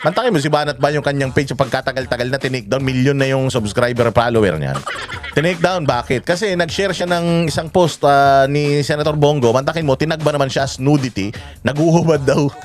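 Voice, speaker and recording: A man's voice: medium pitch, a little fast, a little hiss or hum. Fiery, profane Filipino man ranting. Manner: profane, heated and mocking, mixes Tagalog with English. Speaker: political commentary host. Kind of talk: ranting political vlog commentary.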